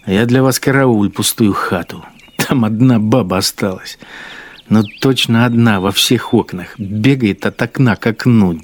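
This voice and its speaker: In a radio drama's interior monologue, a male actor with a fairly low, unhurried voice plays a bitter, spiteful wartime machine-gunner. He grumbles with sardonic scorn, musing sardonically.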